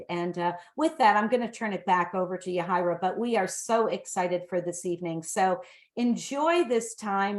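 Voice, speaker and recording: A woman speaking for a sponsor, giving enthusiastic welcome remarks with some fillers. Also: medium pitch. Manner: enthusiastic, warm praise with fillers. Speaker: sponsor representative. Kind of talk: welcome remarks on a video call.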